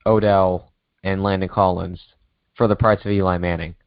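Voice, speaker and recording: A man's voice: sits low, level tone, normal speed, creaky, clean tone, no echo, dull audio. A male podcast co-host in casual sports chat, ranting heatedly and swearing, heard over a remote call that cuts out. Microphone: remote call with a dropping connection.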